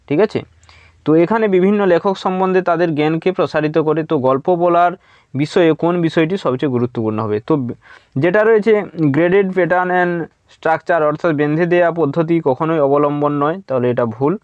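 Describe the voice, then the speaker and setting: A man's voice: a little high, darkish tone, no room sound. Teacher man with a dull, dry recording. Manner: reads English questions slowly, explains in Bengali; repeats "thik ache" as a filler. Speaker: exam prep teacher. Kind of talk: online exam-prep lesson. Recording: dull lo-fi dry close mic.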